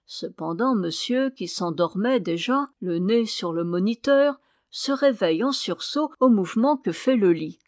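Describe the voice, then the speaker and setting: Une femme qui lit un roman à voix haute avec un ton vivant et expressif. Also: female voice, medium pitch, a little slow, no room sound, clean studio sound. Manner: lively, expressive storytelling. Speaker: audiobook reader. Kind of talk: literary reading.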